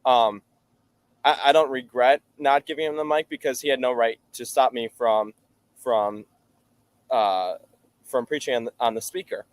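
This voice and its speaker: A man's voice: mid-range voice, fairly even intonation, moderate pace, pauses often, no echo. Earnest nineteen-year-old man, dry sound. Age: late teens. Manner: earnest, explains at length. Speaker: guest. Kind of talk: casual interview answers.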